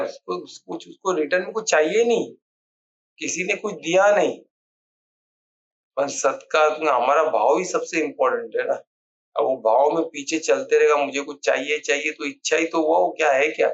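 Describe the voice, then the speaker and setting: A man with a slightly high voice gives a conversational spiritual discourse, posing questions to his listeners and answering them himself. He often circles back to repeat key words as he explains. The recording sounds a little dull and lo-fi. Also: creaky. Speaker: spiritual teacher explaining scripture. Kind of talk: informal Hindi discourse on scripture.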